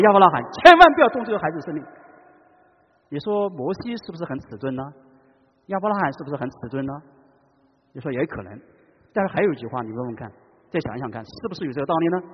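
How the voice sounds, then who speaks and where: Man preaching, dramatic, husky, lively pitch swings, dull recording with long hall reverb. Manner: dramatic, swings between loud calls and hushed tones. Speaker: pastor. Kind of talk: sermon.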